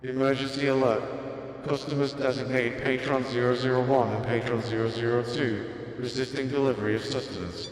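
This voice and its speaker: A man's voice: medium pitch, steady tone, a little fast, natural voice. A man voicing an emotionless robot assistant unit, reading game dialogue in a stiff, clipped robotic delivery. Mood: flat. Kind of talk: fan voice-over of game dialogue. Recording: very echoey room with long reverb.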